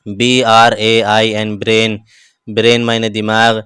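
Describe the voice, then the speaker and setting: Measured man spelling out words. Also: lowish voice, completely flat delivery, fairly bright tone, smooth, no echo, studio quality. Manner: spells words letter by letter, then says them slowly. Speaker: English teacher. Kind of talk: slow spelled-out pronunciation lesson.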